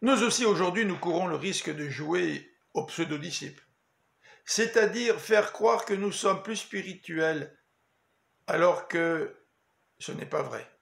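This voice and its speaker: High gravelly-voiced man preaching a devotional. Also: expressive, fairly bright tone. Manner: measured, earnest preaching with emphatic pauses. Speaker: pastor. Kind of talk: daily devotional meditation. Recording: echoey room.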